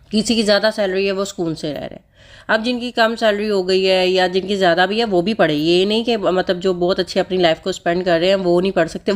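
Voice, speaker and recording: A woman vlogger with school-age children, earnestly explaining a personal practice to viewers in a casual, repetitive, instructive way. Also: fairly low pitch. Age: adult with school-age children. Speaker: vlogger sharing personal religious advice. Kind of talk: casual heartfelt talk to viewers.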